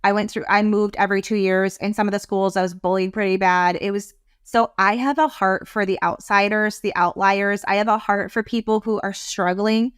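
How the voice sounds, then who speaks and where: A woman business coach talking as a podcast guest, animated, rambling and heartfelt. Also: mid-range voice, normal speed, smooth, no room sound, clean studio sound. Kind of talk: casual interview talk.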